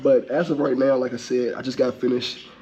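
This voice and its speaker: A man's voice: mid-range voice, level tone, brisk, mellow, faint music behind. A young man talking casually to camera in a gym locker room, with slangy, laid-back speech and lo-fi sound with faint noise. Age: young adult. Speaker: vlogger. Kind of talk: casual vlog talk to camera. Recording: dull lo-fi audio, faint background noise.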